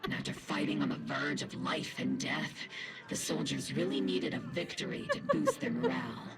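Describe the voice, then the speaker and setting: A man voicing a calm, reassuring officer in measured video game dialogue. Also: a little high, gravelly, over a noisy crowd, exaggerated voice.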